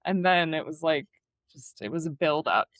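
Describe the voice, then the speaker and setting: A woman's voice: low voice, animated, normal speed, a bit bright, no echo, studio quality. A young adult woman, a surf and water photographer, talking as an interview guest in a casual, chatty way full of fillers.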